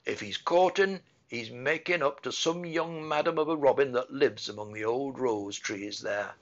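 A man voicing a gruff old male gardener with a put-on Yorkshire dialect, blunt and dismissive, in a muffled lo-fi recording. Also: mid-range voice, normal speed, close to an everyday voice.

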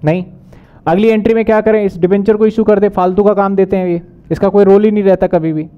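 A man teaching accounting in a brisk lecture, asking questions and answering them himself. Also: sits high, steady tone, smooth, dull audio. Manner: brisk, asks and answers his own questions. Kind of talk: whiteboard lecture.

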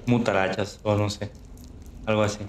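A man giving casual, unhurried gameplay commentary on a livestream, thinking aloud as he plays. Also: fairly low pitch, flat delivery. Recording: roomy echo with clear background noise.

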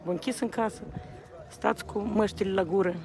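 A woman's voice: medium pitch, fairly even intonation, darkish tone. A woman speaking passionately to a reporter outdoors at a rally, repeatedly appealing to the people around her. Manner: agitated, repeats appeals to the crowd. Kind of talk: impassioned street interview. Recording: outdoor street recording with crowd noise. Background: crowd.

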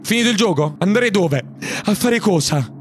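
A man with an Italian accent doing let's play commentary on a horror game, jokey and excitable, reading the game's dialogue aloud and shouting when he's scared. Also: high-pitched, normal speed. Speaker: gaming YouTuber.

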